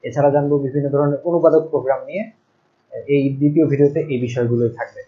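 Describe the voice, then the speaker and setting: A young man teaching programming, explaining step by step and pausing to write things out and correct himself. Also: on the high side, steady tone. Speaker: ICT teacher. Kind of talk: recorded classroom lecture. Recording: dull lo-fi recording.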